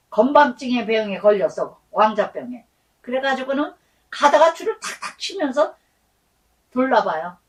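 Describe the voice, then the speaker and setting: A middle-aged woman pastor preaching a sermon, telling stories in a lively way and acting out the voices she quotes, stretching words for emphasis. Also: a little high, recorded from a distance, poor audio.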